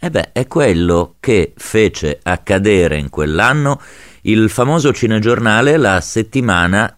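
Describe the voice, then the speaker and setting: A man with a fairly low voice presents on radio. He narrates in a measured, conversational storytelling way, recorded dry with no room sound. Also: clear, resonant tone, no room sound.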